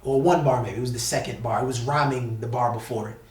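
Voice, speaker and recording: This battle rapper from the US speaks fast in a steady, medium-pitched voice, recounting a story as an interview guest. His phrasing is slangy, emphatic and full of repetition, captured from a distance in a room with echo.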